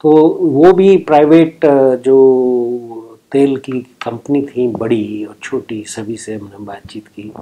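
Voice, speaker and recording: A man, a program official, explaining his work slowly and hesitantly in an interview. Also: mid-range voice, dark tone, low-quality recording. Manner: slow and hesitant, with fillers.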